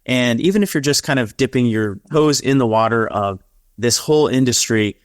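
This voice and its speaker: A man hosting a podcast interview, upbeat and talking in quick bursts. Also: mid-range voice, no echo, clean studio sound. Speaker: podcast host.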